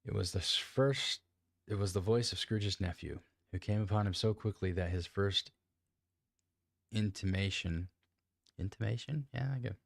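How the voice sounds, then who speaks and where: A man with a very low, deep voice reads a classic novel aloud in a dry, close sound. He trips over words now and then, restarts lines and talks to himself about how he read them. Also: fairly even intonation, moderate pace, gravelly, no echo. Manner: stumbles, restarts lines and comments on his own reading. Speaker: amateur reader.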